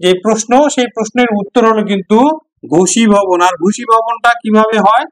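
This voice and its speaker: A man with a Bangladeshi Bengali accent teaches an exam-prep grammar lesson in a fairly high voice. He moves step by step, poses questions to his students and answers them himself. He repeats each example to drive it home. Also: steady tone, fairly quick, fairly bright tone, low-quality recording.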